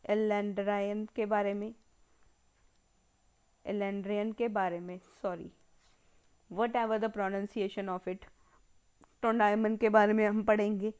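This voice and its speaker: A woman with an Indian accent giving an exam-prep history lecture, slowly repeating key terms as if dictating and mixing Hindi with English words. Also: medium pitch, little pitch movement, a little mellow, smooth. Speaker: history teacher.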